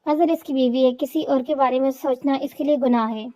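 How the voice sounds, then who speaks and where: A woman reading a romantic novel aloud in a steady storytelling voice, voicing every character herself. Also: sits high. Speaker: novel reader.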